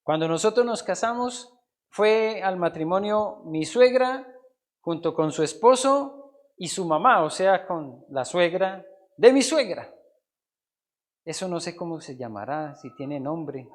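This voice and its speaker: A Colombian pastor delivers a sermon in a church, his voice sitting high for a man. He preaches with drama, dropping to soft asides and then rising to loud, emphatic declarations. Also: animated, unhurried.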